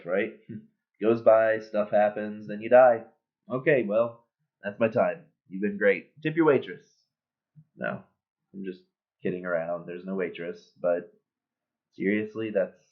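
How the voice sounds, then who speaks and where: Brief: sardonic, bitter cartoon horse, a washed-up star, middle-aged male, deadpan jokes, read cold by a man, tinny webcam sound. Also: fairly low pitch, measured pace, long pauses. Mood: sardonic eulogy. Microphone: built-in computer webcam mic. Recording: tinny, phone-like webcam audio.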